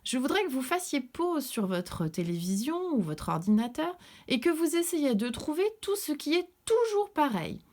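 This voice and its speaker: A woman teaching a recorded lesson to young children, explaining clearly and patiently step by step. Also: high-pitched, very animated, normal speed, few pauses, darkish tone. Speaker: primary school teacher.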